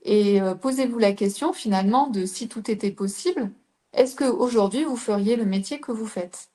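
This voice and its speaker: A middle-aged woman from southern France, a coach, gives a live talk and explains her points by posing rhetorical questions to the audience. Her voice is mellow and medium-pitched, at a normal speed.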